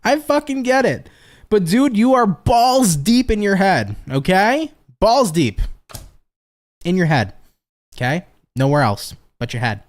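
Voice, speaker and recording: Hosting his tarot livestream, the weary reader chats loosely, swears freely, laughs a lot and replies to viewers' comments. Here his voice sits high and sing-song, at a measured pace.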